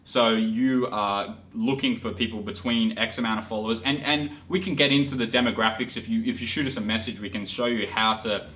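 Guy cohosting a business podcast, rambles on all excited, bit far from the mic. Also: lowish voice. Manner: rambling, quick and enthusiastic, with restarts. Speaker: podcast co-host. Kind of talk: marketing podcast talk.

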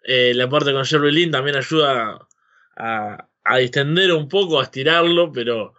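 A man with a Rioplatense Spanish accent talks casually as a podcast host. His tone is sharp and bright at a medium pitch, and he rambles, checking for agreement as he goes. The microphone sounds a little lo-fi. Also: unhurried. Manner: rambling, seeking agreement with frequent tag questions. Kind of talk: casual opinionated chat about wrestling.

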